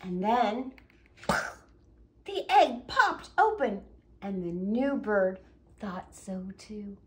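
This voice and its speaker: A woman's voice: medium pitch, expressive, very slow. A woman reading a children's picture book aloud, with playful sound effects. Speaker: children's storyteller.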